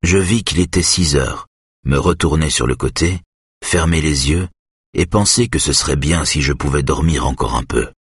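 A man reading a first-person novel aloud as an audiobook narrator, calm and measured. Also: a bass voice, husky, dry recording, studio quality.

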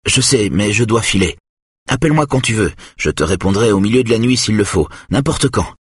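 A man with a husky voice reading an audiobook and voicing a nervous, pushy male doctor colleague. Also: on the low side, expressive, brisk, no echo, studio quality, pitched above the performer's own voice. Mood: anxious. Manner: nervous, pleading. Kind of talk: audiobook character voice.

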